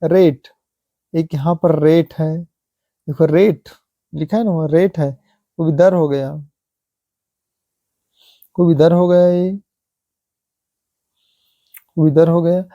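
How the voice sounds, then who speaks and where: A man teaching English pronunciation, repeating example words slowly and asking rhetorical questions. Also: fairly high pitch, steady tone, warm tone, dry recording, lo-fi sound. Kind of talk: slow classroom explanation.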